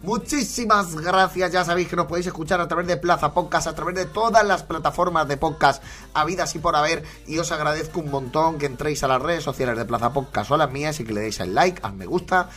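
A man's voice: a little high, fairly bright tone. A man hosting a comedy podcast, rambling and laughing often as he comments on clips. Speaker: podcast host.

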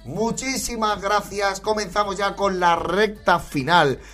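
Brief: high-pitched male comedy podcast host, rambling, laughs often. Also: measured pace, soft background music. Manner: laughs a lot, excitable rambling commentary. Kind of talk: comedy podcast commentary on clips.

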